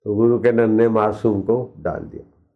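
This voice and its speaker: A low-voiced man preaches a devotional sermon and tells its story vividly, stacking repeated words for emphasis. The recording sounds dull and lo-fi. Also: level tone, measured pace. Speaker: spiritual teacher.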